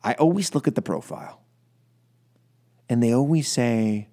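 Speaking at a normal speed in a warm, mid-range voice, a male American talk radio host rails through a political monologue in his studio. He sounds exasperated and emphatic, circling back to repeat phrases for stress.

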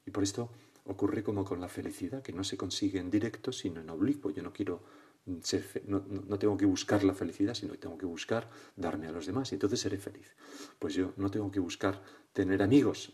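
A male priest leads a guided prayer meditation, speaking in a lowish, mellow voice. He talks reflectively and conversationally, often tagging his thoughts with a gentle question. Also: a little fast.

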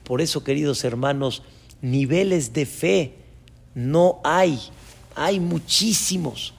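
A man, a rabbi preaching a sermon with dramatic storytelling and sudden loud rises. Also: fairly high pitch, takes it slowly, creaky, slightly rough.

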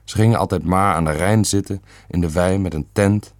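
A man's voice: low-pitched, moderate pace, no room sound. Blunt elderly great-uncle, read by a man. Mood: stern. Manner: stern, matter-of-fact.

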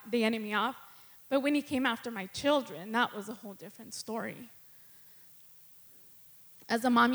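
A middle-aged woman, a guest preacher, delivers a candid personal testimony sermon from the pulpit. Her voice is a little high with a fairly bright tone, and she sounds nervous, laughing between her thoughts.

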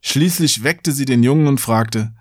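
A man reads a fairy tale aloud on a podcast, now and then breaking off playfully to correct himself. His voice sits at an ordinary male pitch, recorded dry and close. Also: unhurried, no room sound. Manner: playful, self-interrupting. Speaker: podcast host. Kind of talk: fairy-tale reading with asides.

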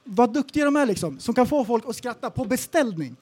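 Animated high-voiced man telling stories. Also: husky. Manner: animated storyteller, acts out quotes. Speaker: podcast co-host. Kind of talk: casual comedic podcast chat.

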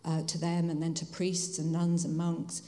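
Her voice low, mellow and monotone at a normal speed, a mature spiritual director from Hertfordshire talks as an interview guest. Aged 50s or older with a Home Counties English accent, she reflects conversationally while explaining to an audience, and the hall is reverberant.

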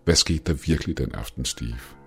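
A man voicing a quiet, unreadable man with a cane who seems to know everything, speaking evenly. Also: a bass voice, husky, soft background music, heavily acted. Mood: calm, knowing. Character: calm, all-knowing man with a cane.

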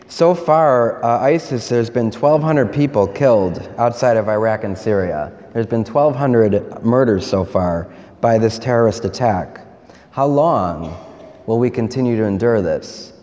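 A man's voice: medium pitch, mellow. A man, a priest, reading the Gospel and preaching a homily with earnest, rising cries for emphasis. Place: church. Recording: church with long reverb.

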